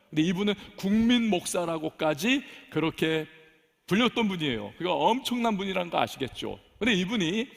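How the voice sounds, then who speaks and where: A man preaching a sermon as pastor, telling a story with dramatic swings between raised and hushed delivery. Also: on the high side, gravelly, big-room sound. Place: church sanctuary.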